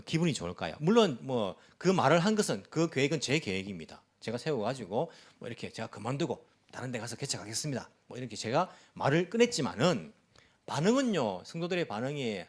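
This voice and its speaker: A man preaching a sermon as pastor at a church service, asking his congregation rhetorical questions and acting out the voices of imagined church members. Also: mid-range voice.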